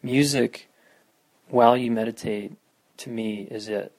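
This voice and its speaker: A man giving guided meditation instruction as a teacher, speaking in short, unhurried phrases with an earnest spiritual-healer manner. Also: medium pitch, vocal fry, darkish tone, no echo, rough recording.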